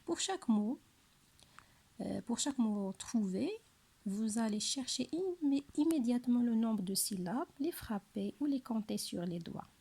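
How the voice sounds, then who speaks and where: Woman, schoolteacher, slow careful delivery, repeats words, soft half-whispers, breathy. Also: fairly high pitch, expressive. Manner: slow, careful, repeats each word twice. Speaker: teacher. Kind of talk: recorded lesson for young pupils.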